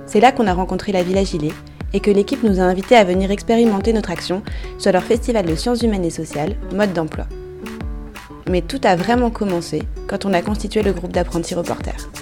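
A woman who produces and hosts the podcast, telling the story of its making in a clear, steady scripted narration. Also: medium pitch, fairly quick. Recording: guitar music playing under the voice.

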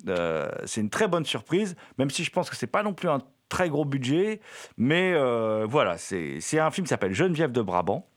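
A man's voice: medium pitch, very animated, moderate pace. Male film-review host, casual and enthusiastic, stumbling delivery with frequent fillers and restarts. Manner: hesitant, many fillers and repeated words.

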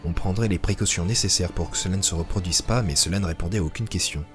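A man narrating a science-fiction audio drama in a measured, even way. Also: low voice, music in the background.

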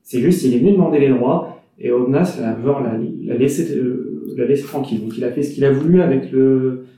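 A man's voice: medium pitch, fairly quick, warm tone. Eager man, echoey and far off. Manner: enthusiastic, stumbling restarts. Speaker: film critic panelist. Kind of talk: casual discussion.

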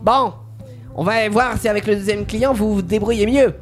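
A woman's voice: medium pitch, steady tone, moderate pace, faint music behind, close to an everyday voice. A woman voicing a flustered, cheerful male bartender who talks in a chirpy, fussy way during a live mystery game.

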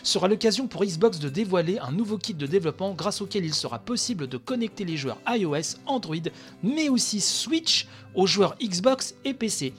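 A man's voice: high-pitched, big pitch swings, moderate pace, fairly bright tone, faint music behind. A man hosting a solo podcast, talking through news in a chatty way, with many fillers while reading and quoting an article. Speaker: podcast host.

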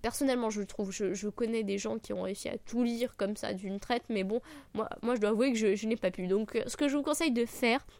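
A woman hosting an informal book podcast, sick, with a slightly broken, gravelly voice and a hesitant, self-deprecating way of talking. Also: on the high side, brisk, darkish tone, no echo. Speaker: podcast host. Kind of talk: informal book review podcast, unscripted talk.

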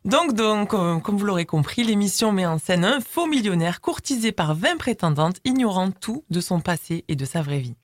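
A woman's voice: medium pitch, lively intonation, moderate pace, few pauses, no echo. Female co-host, playful presenter reading notes, dry close sound. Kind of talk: casual chat with read presentation.

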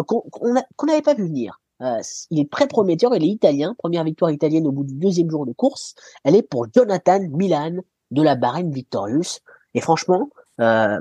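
A man's voice: fairly high pitch, mellow, breathy edge, no room sound. A man hosting a casual cycling talk show, jokily recapping the race for listeners. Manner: jokey, recapping stages for listeners. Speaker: show host.

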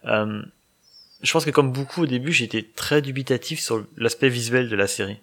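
A French-speaking man chatting casually on a podcast, pausing often and restarting his sentences. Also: mid-range voice, fairly bright tone. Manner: hesitant, many fillers and restarts. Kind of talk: casual chat.

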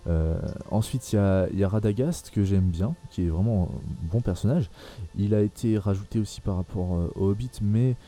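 Young male podcast host, low dark voice, hesitant, filler-heavy delivery, faint music behind. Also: normal speed. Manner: hesitant, many fillers and restarts. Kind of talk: casual film discussion.

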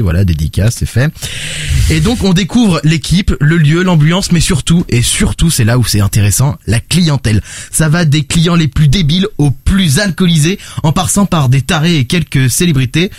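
A man's voice: on the high side, slightly rough, no room sound, studio quality. A man presenting and reviewing podcasts in a chatty, enthusiastic way, with many fillers and restarts.

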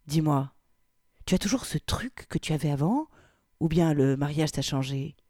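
Brash nosy young woman, read by a woman, darkish voice, lots of quick questions. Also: deep voice, expressive, warm tone, no echo, studio quality, pitched below the performer's own voice. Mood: prying. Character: bold worldly young woman, brash and teasing.

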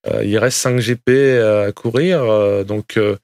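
Gravelly man doing casual motorsport commentary. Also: lowish voice, steady tone, slow, darkish tone, dry recording. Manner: colloquial, joking, slangy. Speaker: motorsport podcast host recapping a race.

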